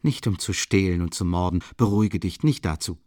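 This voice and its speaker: A man's voice: fairly low pitch, moderate pace, no echo, studio quality, close to an everyday voice. A man reading an audiobook voices a tormented young man, agitated, musing half aloud with bitter mockery.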